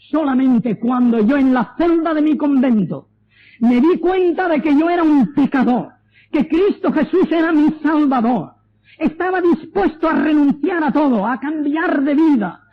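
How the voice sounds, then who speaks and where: A man with a Spanish accent and a very high voice preaches his testimony with earnest conviction, slowing down to stress key points. The sound is thin and tinny, like an old phone-line recording. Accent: Spanish from Spain. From Spain. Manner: earnest, exhorting, slows for emphasis.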